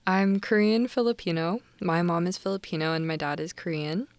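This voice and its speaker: Chatty young woman, lowish voice. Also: moderate pace, clean tone, no room sound. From Canada. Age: young adult. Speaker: co-host. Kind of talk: casual campus radio chat.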